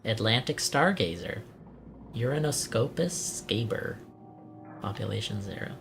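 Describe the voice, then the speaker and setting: A man's voice: on the low side, expressive, measured pace, gravelly, fairly bright tone, faint music behind. A man from Italy streaming a horror game, reading in-game text aloud and poking fun at himself in casual commentary. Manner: reads in-game text aloud, self-mocking. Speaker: let's play streamer.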